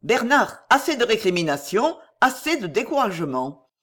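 A reader voicing a calm, practical man who steadies his friend with firm, level-headed words, in a storybook reading. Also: medium pitch, moderate pace.

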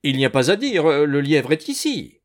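A man voicing a suspicious old male landowner hunter who shouts and blusters, making angry accusations. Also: medium pitch, very animated, unhurried. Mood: furious.

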